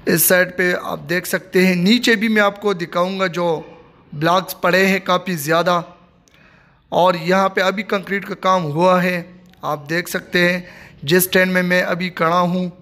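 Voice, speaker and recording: Man, high voice, casual phone-filmed site tour vlog. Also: steady tone, normal speed, pushed and bright. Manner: repetitive, plain commentary while filming. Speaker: vlogger giving a site tour. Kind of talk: casual walking tour narration. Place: outdoor construction site of a stadium. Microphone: handheld phone.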